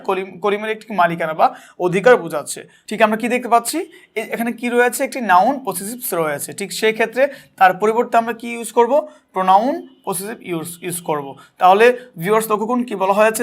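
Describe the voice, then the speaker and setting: A man with a high-pitched, slightly bright voice and a Bangladeshi accent teaches English grammar. He asks questions and answers them himself, reading example sentences slowly.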